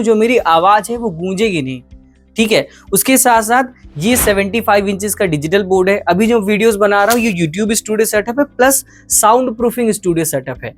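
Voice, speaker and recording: A man presenting a promotional studio walkthrough in an upbeat sales-pitch manner, recorded in a soundproofed studio. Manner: upbeat sales pitch, mixes in English terms. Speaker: product presenter.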